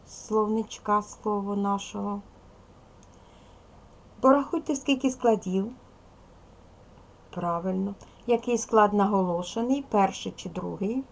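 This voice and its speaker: A woman teacher giving a recorded video lesson to young schoolchildren, speaking clearly and patiently. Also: medium pitch, darkish tone. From Ukraine. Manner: slow, clear instructional delivery, addressing children.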